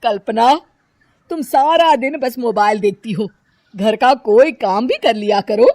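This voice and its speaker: A woman's voice: fairly high pitch, unhurried, warm tone, no echo. A woman voicing a stern, sarcastic, scolding mother-in-law in a cartoon family story, dry and unimpressed.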